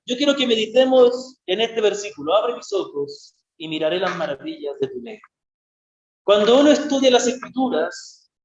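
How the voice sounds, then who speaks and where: A man's voice: high-pitched, slight background noise. A man preaching a sermon as a missionary, earnest and conversational, often asking rhetorical questions and repeating key phrases. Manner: conversational, asks the congregation frequent rhetorical questions. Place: church. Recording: echoey, dull lo-fi church recording.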